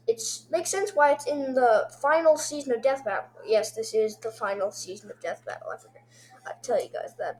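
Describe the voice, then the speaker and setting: Excitable woman rambling through episode reviews. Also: a little high, slight background noise. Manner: excitable, rambling, makes sound effects.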